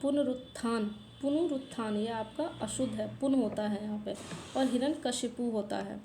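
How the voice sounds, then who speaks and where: A woman's voice: a little high, moderate pace. A woman teaching exam preparation and working through a past paper, patiently repeating corrections and speaking straight to her students. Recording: echoey room, faint background noise.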